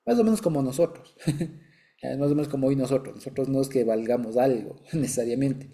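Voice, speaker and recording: A Bible study teacher with a very deep, warm, mellow voice leads a conversational lesson at a fairly quick pace. He explains things patiently, checks in often with his listeners through short asides, and chuckles lightly as he goes.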